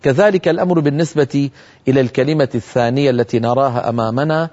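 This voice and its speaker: A man teaching Quran recitation rules in a televised lesson, explaining calmly and chanting the examples slowly. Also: mid-range voice, lo-fi sound. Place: television studio.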